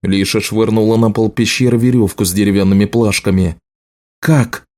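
A male narrator reading an audiobook in a measured, even manner. His voice is low and mellow, with a dark, warm tone.

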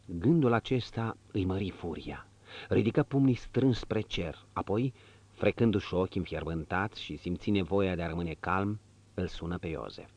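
Low-voiced man reading an audiobook. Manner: dramatic, expressive reading. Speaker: audiobook narrator. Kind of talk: scripted narration. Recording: dull dry lo-fi audio.

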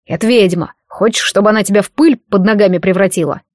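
A man's voice: sits high, fast talker, no echo, lightly acted. Audiobook role: woman voicing a curt, scornful male guard, in a dry close recording. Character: harsh male dungeon guard. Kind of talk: audiobook character voice.

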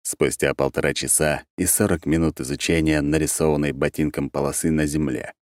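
A man narrating a first-person fantasy audiobook in an expressive reading style. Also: extremely low pitch, fairly quick, dry recording, studio quality.

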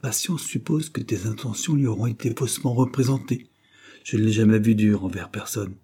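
A grave Quaker clerk in an audiobook, read by a man, speaking dryly and briefly with formal courtesy. The voice is low and husky, mellow in tone. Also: fairly quick. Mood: sober. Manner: dry, brief, formal speech. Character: older male Quaker clerk, dry and sober.

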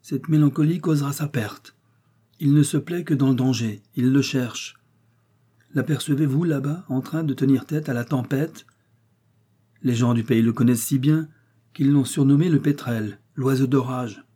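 A man reading aloud, voicing an old mother who laments and pleads over her son, in a husky voice. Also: mid-range voice, moderate pace, warm tone, pitched above the performer's own voice, lightly acted. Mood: lamenting. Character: anxious old mother, tender and talkative.

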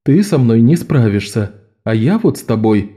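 A man's voice: medium pitch, very animated, normal speed, warm tone, close to an everyday voice. A man voicing Jean, a blunt, protective adult male thief, firm and commanding. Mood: stern.

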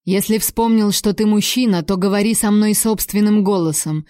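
A woman's voice: medium pitch, warm tone, no echo, clean studio sound, natural voice. A woman reading a stern young warrior man. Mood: cold menace. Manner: cold, threatening, measured.

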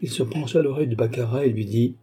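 Man, audiobook narrator, measured reading, mellow dark tone, slightly breathy. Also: medium pitch. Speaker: audiobook reader. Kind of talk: scripted narration.

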